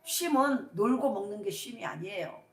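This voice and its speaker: A woman's voice: mid-range voice, normal speed. Middle-aged woman pastor preaching, echoey church, mic kinda far off. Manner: animated preaching with call-and-response questions. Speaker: senior pastor. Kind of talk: sermon. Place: church sanctuary. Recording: roomy church hall from a distance.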